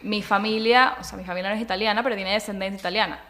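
A woman's voice: medium pitch, steady tone, racing, pushed and bright. A Venezuelan woman co-hosting a podcast, chatting casually and giving strong opinions. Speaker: podcast co-host. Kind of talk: casual chat.

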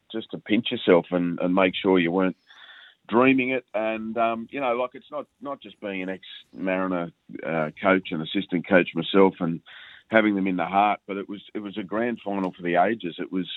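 Man, phone-in pundit, very low pitch, dry phone line, hesitant and repeating himself. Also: fairly even intonation, moderate pace, dry recording. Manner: hesitant, lots of uh and um, repeats words. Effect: over the phone. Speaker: football analyst. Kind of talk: casual radio phone-in chat.

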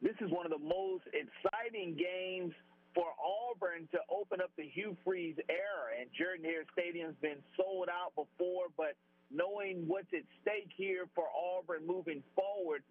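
A man's voice: high-pitched, measured pace, no echo. A man calling in from his car to make confident sports picks, his voice tinny and tin-can-like over a phone line. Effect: tinny tin-can sound over a phone line. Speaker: sports radio co-host. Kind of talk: sports radio prediction segment.

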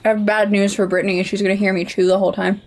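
A woman's voice: mid-range voice, flat delivery, racing, a little hiss or hum. Woman co-host, blunt tasting chat. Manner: blunt, grumbly reactions while chewing. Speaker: podcast co-host. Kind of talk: casual chat, food tasting.

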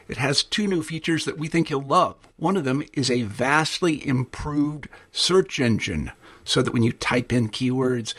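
A man's voice: mid-range voice, a bit bright, husky. A man, the network's editor, reading a short scripted announcement in a friendly, plain way.

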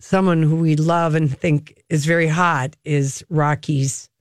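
A woman's voice: deep voice, fairly even intonation, a little slow, dry recording, clean studio sound. A woman hosting a talk show, chatting casually and passing on entertainment news.

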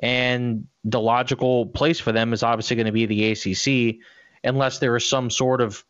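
A man's voice: mid-range voice, little pitch movement, normal speed, fairly bright tone, smooth, no room sound, dull audio. A man in his thirties co-hosting a sports podcast, giving blunt, opinionated takes in casual talk. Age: 30s. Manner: opinionated, blunt, restarts a lot. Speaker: podcast co-host.

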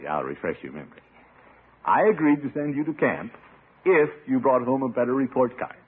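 In a 1950s radio sitcom, a man plays a genial, pompous middle-aged uncle, his medium-pitched voice expressive with a breathy edge. He is avuncular, probing, drawn-out and self-satisfied. The phone-quality recording sounds thin and hissy like old radio.

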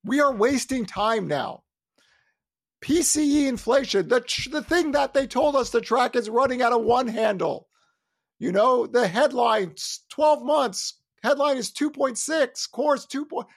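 A man, a lead analyst, talking in a casual podcast chat, animated and exasperated, with loud ranting outbursts. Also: extremely high pitch, measured pace, vocal fry, no room sound.

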